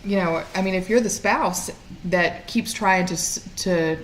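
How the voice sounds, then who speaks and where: Lower-voiced woman, hesitant co-host. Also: measured pace, a little hiss or hum, low-quality recording. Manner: searching for words, hesitant. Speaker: podcast co-host. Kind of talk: casual faith-based chat.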